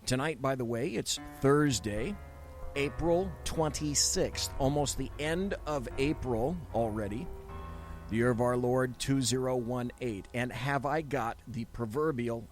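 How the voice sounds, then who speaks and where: A man hosting a radio show with a theatrical, wordy, grandiose monologue. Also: medium pitch. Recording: loud music bed behind voice. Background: loud music.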